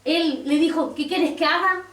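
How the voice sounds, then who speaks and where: A woman pastor preaches a sermon with a high, ringing voice. She reads scripture aloud and turns to the congregation with questions. The recording is roomy and distant, as if caught from across a church. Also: normal speed, a bit bright.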